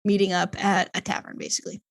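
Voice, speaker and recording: A woman speaks fast and flat at a medium pitch as she co-hosts a laid-back podcast. She reads a long plot summary aloud, stumbling over odd names, with many fillers along the way.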